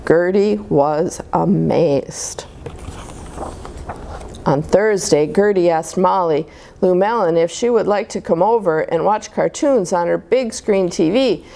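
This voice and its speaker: Here a woman performs a picture book reading for young listeners, taking it slowly and expressively like a storyteller. She has a lowish voice with some vocal fry.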